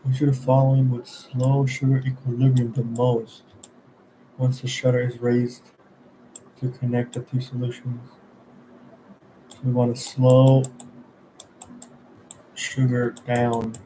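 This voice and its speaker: A man's voice: mid-range voice, completely flat delivery, slow pace, pauses often, dark tone, a little hiss or hum, rough recording. A young man thinking aloud as he studies, quizzing himself under his breath and trailing off when unsure. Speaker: student studying for an exam. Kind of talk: thinking aloud while studying.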